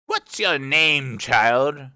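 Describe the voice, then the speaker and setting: A man voicing a furious, imperious storybook queen with a shrill, loud voice who screams her commands. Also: expressive, extremely slow, dry recording, clean studio sound, full character voice. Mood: severe, imperious.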